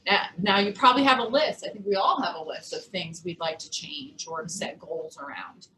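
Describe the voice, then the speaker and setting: A woman nutrition coach in a casual cooking demo, chatty and quick to laugh, with lots of "like" in her talk. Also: on the low side, sharp tone, slight background noise. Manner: chatty, laughs often, says "like" a lot. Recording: echoey room.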